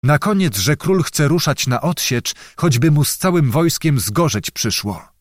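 A man narrating an audiobook in a measured, dramatic storytelling manner. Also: a little high, very animated, no room sound, studio quality. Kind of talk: scripted narration.

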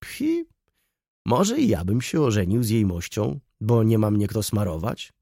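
A man voicing a gruff, blunt old family friend with a crusty manner. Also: lowish voice, sing-song, a little slow, dark tone, dry recording, studio quality, full character voice.

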